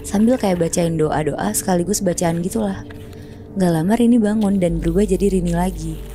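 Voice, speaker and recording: A woman spinning a horror tale for her co-hosts in a relaxed, slangy way. Her voice is mellow and dark-toned, set a little low. Quiet music runs under her. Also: normal speed. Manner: chatty, slangy, vivid sound effects. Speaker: podcast storyteller. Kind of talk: casual horror storytelling.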